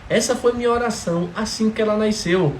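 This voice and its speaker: A man's voice: high-pitched, fairly quick. A man, talking casually and emphatically about his family as a father and often checking that he is understood. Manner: animated, emphatic, keeps asking "entendeu?". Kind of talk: casual testimony talk. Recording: echoey room with faint background noise.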